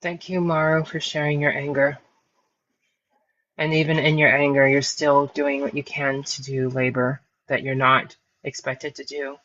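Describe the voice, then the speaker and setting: A moderator thanking speakers and calmly directing turns in a live discussion. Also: mid-range voice, measured pace. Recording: muffled lo-fi audio.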